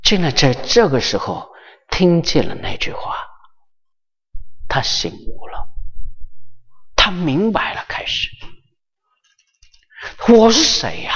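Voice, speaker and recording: A preacher telling a Bible story as a sermon, swinging from raised high phrases to hushed, near-whispered lines. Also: takes it slowly, pauses often, husky. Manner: animated, pitch swinging high and low, drops to near-whisper for emphasis. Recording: dull lo-fi recording with long hall reverb.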